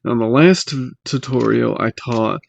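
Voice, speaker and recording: A magic tutorial host explains a how-to casually and without a script, halting and hesitant, often pausing mid-phrase. He speaks at medium pitch with vocal fry, and the audio comes from a laptop's built-in mic.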